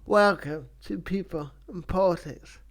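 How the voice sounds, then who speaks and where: An older man hosting a casual podcast interview in a halting, repetitive way. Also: sits high, loud music behind the voice. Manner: halting, hesitant, repeats words. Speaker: podcast host. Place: small home room, video call. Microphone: close desk microphone on arm.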